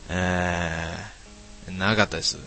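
A man casually streaming a game solo, reading viewer comments with wry, deadpan remarks and many drawn-out filler sounds. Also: low voice, faint music behind.

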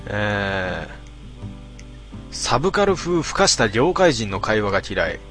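A man casually reading out listener posts and answering each one with dry, deadpan remarks. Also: on the low side, a little slow, soft background music. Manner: deadpan, wry retorts between readings. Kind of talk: casual commentary reading comments.

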